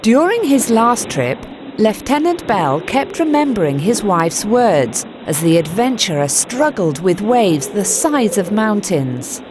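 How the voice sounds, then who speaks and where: A woman narrating a storybook chapter aloud in an expressive reading voice. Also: medium pitch, measured pace, noisy background.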